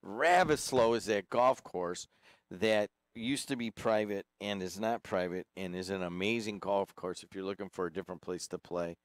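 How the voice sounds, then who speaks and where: Brief: man, chatty talk radio host, lowish smooth voice, dry close sound. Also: moderate pace, no room sound. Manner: chatty, reads listener texts.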